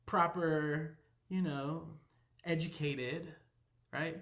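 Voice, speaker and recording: A man's voice: a little high, fairly even intonation, a bit bright. Playful laughing man telling stories. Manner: playful, teasing, laughs often, drawn-out storytelling. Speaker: pastor, vlog host. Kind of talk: casual chat.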